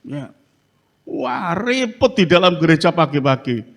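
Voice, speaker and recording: Animated preacher in a reverberant church. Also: male voice, on the high side, unhurried. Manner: animated storytelling, frequent "ya" tags. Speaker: pastor. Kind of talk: sermon testimony. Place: church sanctuary.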